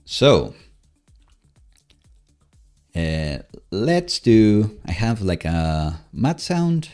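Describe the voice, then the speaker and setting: A live-coding streamer and host talks through his code on a casual livestream, thinking aloud in a low, unhurried, mellow voice that is smooth and very animated. He muses to himself hesitantly and haltingly, with soft background music and keyboard typing behind him.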